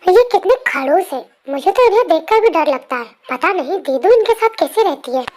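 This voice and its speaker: A woman's voice: very high-pitched, expressive, a little fast, a little mellow, a little hiss or hum. Woman voicing a whiny teenage little sister. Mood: whiny, pouting. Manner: whiny, pouting. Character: cheeky teenage younger sister, whiny and playful. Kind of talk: fan story narration. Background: faint music.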